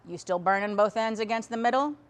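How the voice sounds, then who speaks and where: A woman voicing her folksy older father, gruff but jolly, in a storytelling monologue. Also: mid-range voice, brisk, close to an everyday voice. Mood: jovial.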